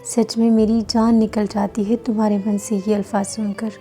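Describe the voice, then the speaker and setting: A woman's voice: medium pitch, flat delivery, dark tone, soft background music, lightly acted. A woman voicing a cruel young husband who taunts his wife with sweet words that carry menace. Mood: mocking. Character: cruel, mocking young husband, coldly teasing.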